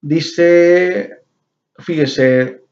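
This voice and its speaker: A man's voice: on the high side, extremely slow, a little mellow. A man teaching a Bible lesson, often calling his listeners brothers and asking them rhetorical questions. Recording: dull lo-fi recording.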